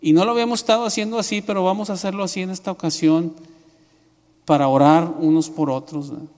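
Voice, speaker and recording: A man's voice: sits high, steady tone, fast, a little mellow. A man preaching a sermon as pastor, telling a story with many fillers and restarts. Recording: long reverb in a hall.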